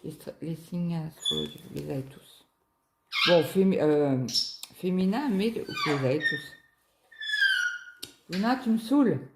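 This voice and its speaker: A woman's voice: low-pitched, normal speed, creaky. A woman casually chatting while she cross-stitches at home, telling rambling stories full of fillers. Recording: echoey room with loud background noise.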